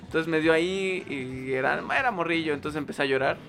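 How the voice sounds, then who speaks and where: A man's voice: on the high side, brisk, vocal fry, fairly bright tone, slight background noise. A young man with a Mexican Spanish accent, telling a rambling anecdote full of quoted dialogue in a casual chat with friends.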